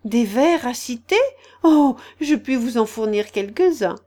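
A woman's voice: a little high, lively intonation, measured pace, darkish tone, pitched above the performer's own voice. A woman voicing Alice, a curious, polite young girl who talks earnestly and a little apologetically. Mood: apologetic. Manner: eager, earnest, slightly apologetic.

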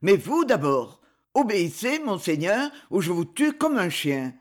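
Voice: medium pitch, sing-song, measured pace. A fierce, self-assured swordsman who speaks in commanding threats, with plenty of rise and fall in the voice, as a reader acts him out. Audiobook character reading. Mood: urgent threat.

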